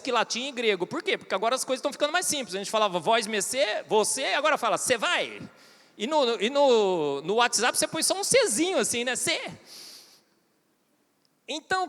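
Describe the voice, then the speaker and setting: A man's voice: very high voice, a bit bright. A man with a Brazilian Portuguese accent giving a humorous, irreverent conference talk in a church, addressing the audience directly. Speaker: conference speaker. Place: large church hall. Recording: long hall reverb.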